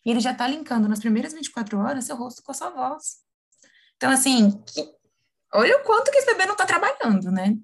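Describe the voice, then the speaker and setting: A woman, explaining things in a lively, casual conversation, often asking her listeners "right?". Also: high voice, quick pace, creaky, breathy edge. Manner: animated, acts out imagined quotes, frequent tag questions.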